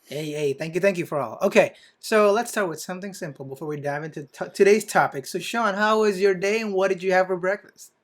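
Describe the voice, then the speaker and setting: A man's voice: sits high, brisk, few pauses. A young man in his twenties co-hosting a podcast, chatting in an upbeat, teasing way. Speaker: podcast co-host. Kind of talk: casual chat.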